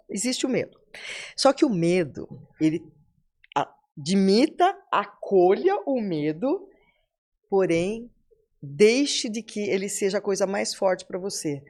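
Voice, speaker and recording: Lively older Brazilian woman giving advice. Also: medium pitch, a little slow. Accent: Brazilian Portuguese. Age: 70s. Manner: animated, teaching, addresses listeners directly. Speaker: podcast guest, speaker. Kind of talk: motivational talk in an interview.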